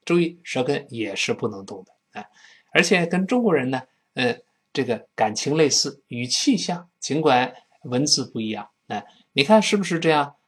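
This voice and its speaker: Lively male English teacher, husky voice. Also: medium pitch, normal speed. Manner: lively, acts out dialogue lines in a raised voice. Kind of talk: spoken English lesson.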